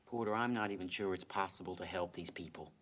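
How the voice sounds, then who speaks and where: A man's voice: low voice, fast, a bit bright. An actor playing a young male attorney general under pressure, speaking defensively in a television drama. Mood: tense. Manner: defensive, rising to insistent.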